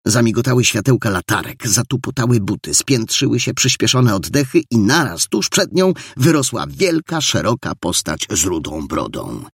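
Guy reading an audiobook, gravelly husky voice, dramatic lively delivery. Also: medium pitch, moderate pace, few pauses, no echo, studio quality. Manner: dramatic storytelling. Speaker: audiobook narrator. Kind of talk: scripted narration.

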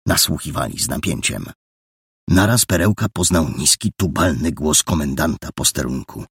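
Deep gravelly male storyteller. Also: normal speed, no echo, clean studio sound. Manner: expressive, dramatic reading. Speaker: audiobook narrator. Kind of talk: storybook narration.

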